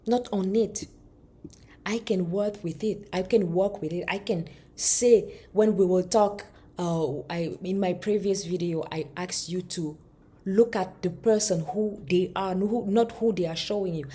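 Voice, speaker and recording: A woman vlogger talking earnestly and thoughtfully about relationships, often restarting her phrases and sinking to soft near-whispers. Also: fairly low pitch, slightly rough. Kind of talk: reflective personal talk to camera.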